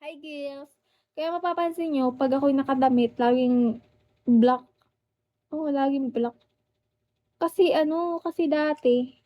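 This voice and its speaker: A woman's voice: sits high, unhurried, long pauses, highs cut off. A young woman with a Filipino accent chatting casually on a live stream and greeting viewers by name.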